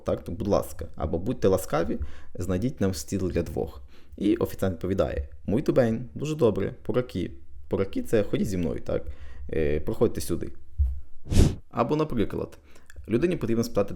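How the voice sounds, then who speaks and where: Man, language lesson, very low pitch, dark tone, repeats phrases patiently. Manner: patient, repeats each phrase twice with translation. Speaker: language teacher. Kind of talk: explaining Portuguese phrases in Ukrainian.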